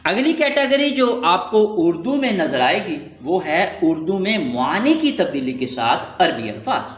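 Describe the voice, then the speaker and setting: A man teaching a lesson in scripted narration, reading out lists of words slowly and stressing each one. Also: high voice, fairly bright tone, echoey room. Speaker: Quranic Arabic teacher.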